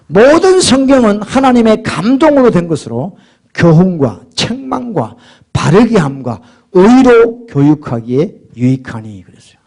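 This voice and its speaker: A middle-aged pastor with a fairly high-pitched voice preaches a sermon, swinging from hushed murmurs to loud, emphatic exhortation.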